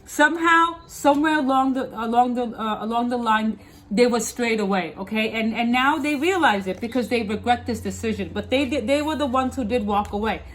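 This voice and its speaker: Lisping woman reading tarot, higher voice. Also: fairly quick, low-quality recording. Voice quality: slight lisp from wearing clear dental aligners. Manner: emphatic and repetitive, often checking in with "okay?". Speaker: tarot reader, host. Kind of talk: tarot reading addressed to viewers.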